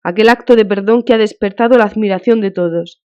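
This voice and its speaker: A woman's voice: medium pitch, fast talker, clean tone, natural voice. A woman reading an audiobook, voicing a devout countess who speaks in a fervent, consoling, emotional way, on a dull lo-fi recording.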